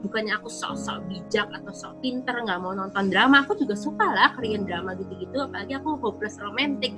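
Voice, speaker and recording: Seorang perempuan tamu yang memberi nasihat dengan gaya santai dan bersemangat, sering menyelipkan bahasa Inggris dan bahasa gaul. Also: female voice, medium pitch, fast. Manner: animated, mixes English phrases, slangy. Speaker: guest giving advice. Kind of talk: casual advice chat. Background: background music.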